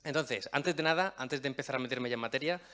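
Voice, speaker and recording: A young guest speaker from Murcia, Spain, who has lost his regional accent, gives a chatty, explanatory public talk with self-deprecating asides. His voice is medium-pitched, a bit bright, and fast.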